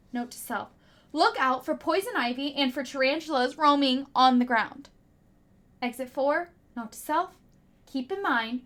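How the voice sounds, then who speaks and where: With a high voice, a female teacher dramatizes a picture book for young listeners, pausing for quiet, hushed asides along the way.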